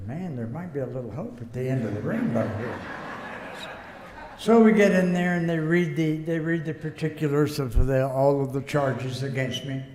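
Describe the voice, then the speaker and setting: A man's voice: mid-range voice, a little mellow. Folksy older man in echoey hall. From United States. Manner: folksy, rambling, chuckles at own stories. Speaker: guest speaker. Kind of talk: anecdotal storytelling speech. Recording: echoey hall, faint background noise.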